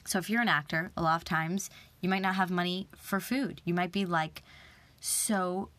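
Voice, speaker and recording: A young woman speaks with earnest, animated energy in a motivational talk. Her voice sits on the low side and the sound is dry and close. She sometimes sinks into a whisper to stress a point. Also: moderate pace, no room sound.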